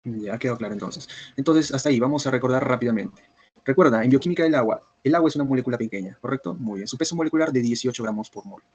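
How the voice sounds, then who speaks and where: A man teaching a biochemistry review class online, who keeps checking whether students follow by asking if everything is clear. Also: medium pitch, fast talker, a little mellow, no echo, dull audio. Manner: repetitive, checks understanding with "¿está bien?" and "¿cierto?".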